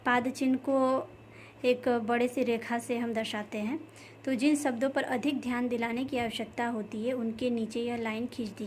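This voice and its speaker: A woman teaching a grammar lesson, explaining each point slowly and repeating key terms with many fillers. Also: a little high, a little hiss or hum. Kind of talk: explaining lesson over slides.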